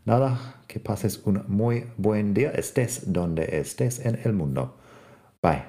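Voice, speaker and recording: A man hosting a relaxed podcast lesson, teaching English phrases to Spanish speakers and drawing out his example sentences slowly. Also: lowish voice. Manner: slow, drawn-out example phrases. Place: rainy city in Spain. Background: faint music.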